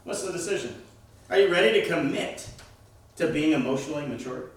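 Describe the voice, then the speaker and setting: A man's voice: a little high, lively intonation, brisk, far from the mic. Emphatic church teacher man, echoey room. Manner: emphatic, asks the class questions. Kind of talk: Bible class lecture.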